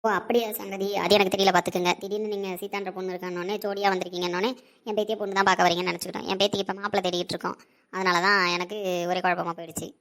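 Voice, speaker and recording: A woman's voice: mid-range voice, level tone, rapid-fire, fairly bright tone, natural voice. A woman voicing a fussy, suspicious grandmother in her later years who scolds and wails over being slighted. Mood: sheepish. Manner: scolding, wailing complaints. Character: fussy, suspicious elderly grandmother, quick to take offense.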